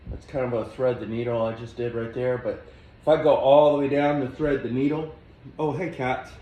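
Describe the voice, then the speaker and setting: A man guiding a yoga flow as he does it, giving relaxed, chatty cues with small asides. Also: medium pitch, normal speed, highs cut off. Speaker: yoga instructor. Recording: echoey room, mic at a distance.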